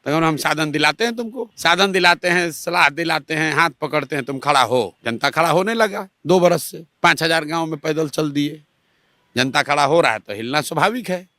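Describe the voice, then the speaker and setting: A man, answering in a heated political interview, forceful and full of rhetorical questions. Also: a little high, expressive, moderate pace, no room sound, clean studio sound. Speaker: interviewee, party supporter.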